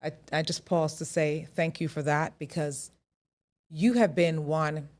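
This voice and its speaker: Low-voiced, effusive woman host. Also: fairly even intonation, unhurried, darkish tone. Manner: effusive, praising. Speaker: show host. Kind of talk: casual interview talk.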